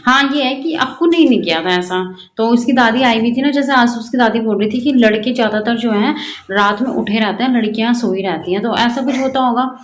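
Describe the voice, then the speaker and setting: A woman's voice: on the high side, fairly quick. Young woman from garhwal, rambly home vlog chat, bit of background hiss. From Garhwal, Uttarakhand. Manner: chatty, rambling, many fillers. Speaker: vlogger. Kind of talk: casual vlog narration. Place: home kitchen.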